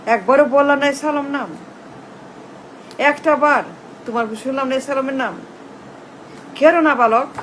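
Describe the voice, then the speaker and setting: A woman's voice: high voice, steady tone, normal speed, long pauses, a bit bright, slight background noise, poor audio. A woman, giving a political commentary as a rant to camera, firing off repeated rhetorical questions in an accusatory, scornful way. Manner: emphatic, repetitive rhetorical questioning.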